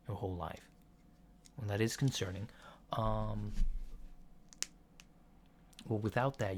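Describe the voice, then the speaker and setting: A soft-spoken man with a lowish voice performs an ASMR medical checkup roleplay as an alien doctor who is calm and a little awkward. He sounds hesitant yet matter-of-fact and clinical, and the lo-fi home recording has background noise.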